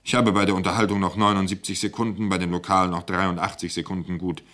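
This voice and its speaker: A man reading aloud and voicing a soft-spoken, domineering male radio director. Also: deep voice, flat delivery, quick pace. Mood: smooth.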